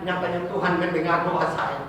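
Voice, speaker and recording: A man's voice: sits high, level tone, brisk, background noise. A man preaching a sermon with great passion, acting out tearful prayers to God. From Indonesia. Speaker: pastor. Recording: echoey hall, mic from far off.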